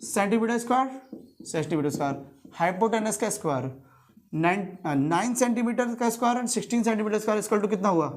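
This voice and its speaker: A man's voice: high-pitched, brisk. A male teacher giving a classroom lecture, quizzing his students in call-and-response and repeating key terms to stress them.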